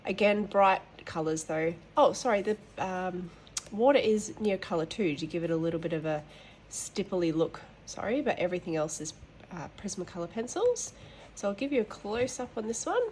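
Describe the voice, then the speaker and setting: A woman's voice: mid-range voice, expressive, moderate pace, darkish tone, slight background noise. A woman hosting a colouring channel from home, chatting casually with rambling, apologetic asides and a nasal voice from hay fever. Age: adult, mother of boys. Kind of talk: casual show-and-tell chat.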